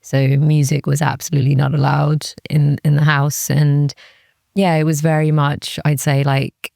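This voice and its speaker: A woman from Cardiff, Wales, appears as an interview guest; she's a music industry executive. Her voice is low, gravelly and mellow, recorded clean in a studio with no echo. She talks candidly, seriously and reflectively, dropping in lots of "like" and often quoting her own inner thoughts.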